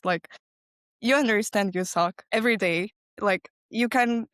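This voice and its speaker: A woman's voice: medium pitch, no room sound, studio quality. Young Ukrainian woman chatting candidly. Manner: candid, searching for words, frequent "like". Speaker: guest. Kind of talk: casual interview chat.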